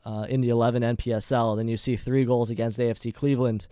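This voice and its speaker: A man's voice: mid-range voice, flat delivery, quick pace, mellow, clean tone, dry recording. A man hosting a sports show, talking conversationally through interview questions and soccer commentary in a wordy way.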